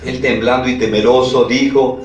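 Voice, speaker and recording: A male pastor preaches a sermon, reading scripture aloud and frequently asking his congregation questions. His mid-range voice is steady and moves at normal speed, with soft music in the background. It's recorded from a distance in an echoey room.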